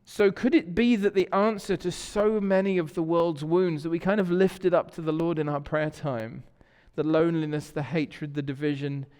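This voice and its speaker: A pastor's fairly high, smooth voice fills a reverberant church sanctuary at normal speed, with fairly even intonation and hardly any pauses. His sermon is conversational and warm with storytelling, and he frequently repeats words while hunting for what comes next.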